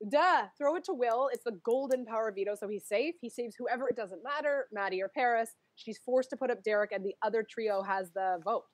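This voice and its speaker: A woman chatting casually as a guest, animated and quick, laughing often and circling back to her points. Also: a little high. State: allergies, sniffly. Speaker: guest, former reality show contestant. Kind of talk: casual chat.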